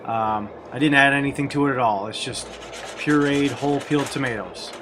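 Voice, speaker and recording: A man's voice: mid-range voice, a little fast, noisy background. A man hosting a cooking video, walking through a recipe step by step with wry, self-deprecating jokes. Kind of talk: cooking demonstration with jokey asides.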